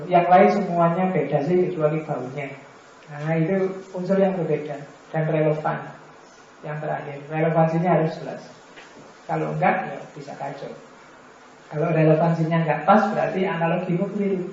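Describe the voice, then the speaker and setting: A man lectures on philosophy in a chatty, teasing way, tossing rhetorical questions at his listeners. His voice sits high for a man. The recording is very echoey and dull, with a faint hum behind him. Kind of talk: informal lecture.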